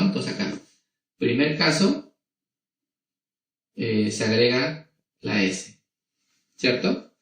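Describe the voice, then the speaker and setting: A male primary school teacher with a Peruvian Spanish accent, explaining grammar to children slowly and repetitively, often checking in with them. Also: mid-range voice, vocal fry. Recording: echoey room, voice from a distance.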